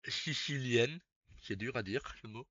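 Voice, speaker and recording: A young man, chatting casually on a live stream as he reacts, swearing and breaking into loud laughs. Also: mid-range voice, unhurried, muffled recording. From Belgium.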